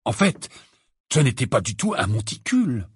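A man reading an audiobook narration in an expressive manner, close to the mic. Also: moderate pace, slightly rough, no echo. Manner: expressive, swinging widely in pitch.

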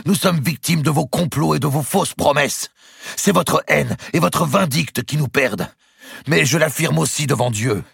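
Bitter indignant knight , a man doing the voice, raised and husky, storybook. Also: fairly high pitch, moderate pace, fairly bright tone, dry recording, clean studio sound, voice pushed up, full character voice. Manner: indignant speech.

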